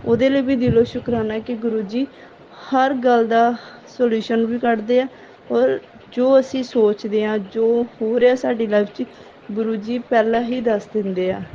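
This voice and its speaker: Earnest woman giving thanks in a devotional talk, kinda high voice, muffled recording. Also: fairly even intonation, a little slow, a little hiss or hum. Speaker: devotee sharing a testimony. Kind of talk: devotional testimony.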